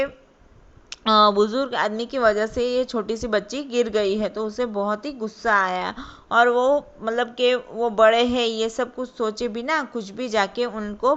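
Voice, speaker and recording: A woman's voice: a little high, a bit bright. A woman telling a love story in a casual spoken way, loose and full of fillers. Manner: loose, with many fillers and restarts. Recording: dull lo-fi recording.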